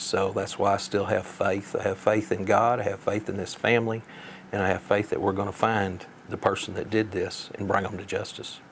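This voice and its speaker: A man speaking as a sheriff in an interview, giving measured answers in a plain-spoken, folksy way. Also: on the low side, a little hiss or hum.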